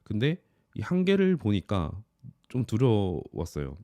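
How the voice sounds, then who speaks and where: A thirty-year-old man, an office worker and YouTuber, reflecting on his year in an earnest, calm personal monologue. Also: fairly low pitch, unhurried, no room sound.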